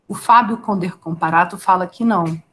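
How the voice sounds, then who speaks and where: A woman's voice: fairly low pitch, fairly quick, bright, forceful tone. A Brazilian woman teaching a live online law class, talking conversationally, asking students questions and answering them by name. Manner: conversational, asks students questions and reads their names from chat.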